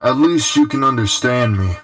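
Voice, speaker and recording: A man's voice: mid-range voice, lively intonation, normal speed, fairly bright tone, faint music behind. A man playing a mysterious being who offers freedom, his voice filtered to sound tinny, as if spoken into a tin can. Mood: calm.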